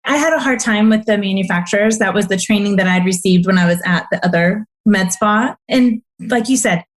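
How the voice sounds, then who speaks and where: A woman physician as a podcast guest, telling her stories in an animated, emphatic way. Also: mid-range voice, brisk. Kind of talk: casual interview conversation.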